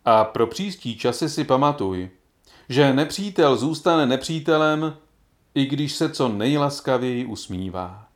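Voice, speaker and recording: A man playing a stern farmer father in a storybook reading, speaking quietly and solemnly. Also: mid-range voice, animated, lightly acted.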